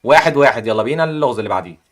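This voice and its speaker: A young man with an Egyptian accent hosting a live chess puzzle contest, excitedly cheering the players on. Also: medium pitch, racing, a little hiss or hum. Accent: Egyptian Arabic. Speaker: chess stream host.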